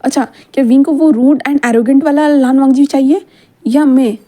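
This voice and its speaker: A woman voicing a teasing, affectionate young male lover in a read-aloud fan story, coaxing and drawn-out. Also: sits high, steady tone, dark tone, lightly acted. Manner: playful, coaxing, drawn-out endearments.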